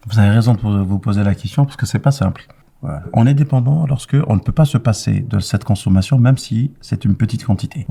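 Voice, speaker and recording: A man answering a caller as an expert, explaining in a calm, measured way. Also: on the low side, gravelly, slight background noise. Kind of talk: explanatory advice.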